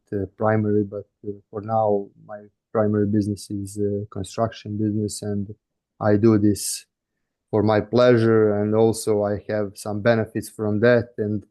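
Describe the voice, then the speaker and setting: A man from Serbia with a Serbian accent, answering interview questions hesitantly over a video call, pausing often. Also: fairly low pitch, completely flat delivery, dark tone. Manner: hesitant, many pauses and fillers. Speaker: guest, hunting outfitter.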